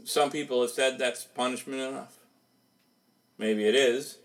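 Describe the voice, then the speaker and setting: A man's voice: mid-range voice, steady tone, a little slow, poor audio. A man preaching a sermon in a conversational way, asking rhetorical questions as he goes.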